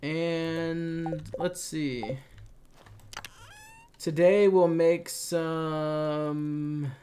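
A man's voice: on the high side, little pitch movement, drawn-out words, mellow, slight background noise. A man hosting a casual let's play, musing aloud and chatting as he plays. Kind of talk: casual gameplay commentary.

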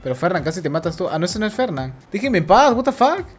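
A man talks through a game he is streaming live. He swears constantly and swings into loud, shouted outbursts. Faint music plays quietly under his voice. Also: high voice, big pitch swings, fast. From Peru. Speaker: gaming streamer. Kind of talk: live gameplay commentary.

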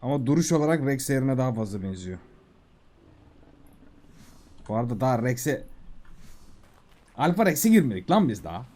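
A man giving casual, excitable commentary while playing a video game, talking to himself and the creatures on screen. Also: mid-range voice, moderate pace, pauses often. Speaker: gaming YouTuber.

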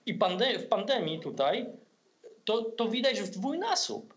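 A man's voice: high voice, very animated, unhurried, fairly bright tone, lo-fi sound. A man in his fifties with a Polish accent, a commentator guest speaking over a video call, hesitant with many fillers and restarts. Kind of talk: video-call political discussion. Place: room at home. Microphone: laptop webcam on video call.

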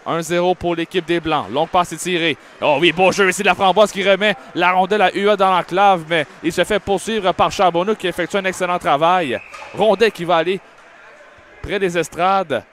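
A man with a Quebec French accent giving excited play-by-play hockey commentary, with animated, exclamatory calls. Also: sits high, a little fast. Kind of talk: excited live sports commentary. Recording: clearly noisy live arena commentary. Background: ice rink ambience.

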